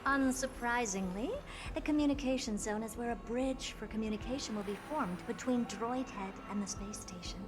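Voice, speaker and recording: A woman's voice: fairly high pitch, moderate pace, close to an everyday voice. A woman voicing an aloof genius scientist in a video game, with a dry, condescending, lecturing manner. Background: game music.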